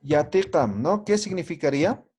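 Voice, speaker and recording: A man teaches a language in a classroom lesson, his voice on the high side, animated and husky, with a darkish tone and moderate pace. He explains patiently and keeps checking understanding with frequent tag questions.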